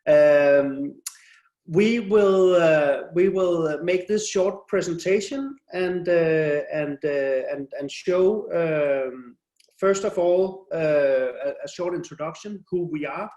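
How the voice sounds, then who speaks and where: A middle-aged man giving an online presentation as a presenter, speaking in a halting, hesitant way. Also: on the high side, a little mellow. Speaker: presenter, IT and design specialist. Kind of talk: online presentation, interpreted in pauses. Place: indoor room on a video call. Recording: roomy, echoey video-call sound.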